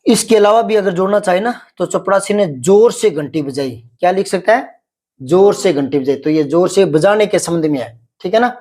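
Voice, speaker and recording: A middle-aged man teaching Hindi grammar, explaining patiently, repeating example sentences slowly and quizzing a pupil. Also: high-pitched, darkish tone. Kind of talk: classroom grammar lesson.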